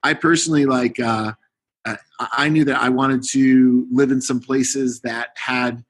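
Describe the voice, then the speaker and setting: Easygoing male guest from Connecticut, middle pitch, rambling. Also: unhurried. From Connecticut, USA. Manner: relaxed, rambling, many "uh" and "like". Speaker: guest, fitness coach. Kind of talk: podcast interview.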